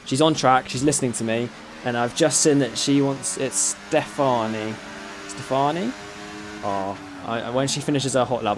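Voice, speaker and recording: A man's voice: medium pitch, noisy background. A man with an Essex accent doing live commentary on an online racing league, chatty and often tripping over names and correcting himself. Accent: Essex English.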